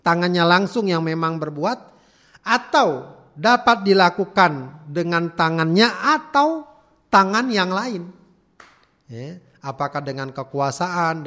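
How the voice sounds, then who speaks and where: A man's voice: high-pitched, fairly bright tone. A man teaching a religious study class, explaining at length, repeating key words and adding frequent "ya" tags, often restarting clipped words. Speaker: Islamic teacher.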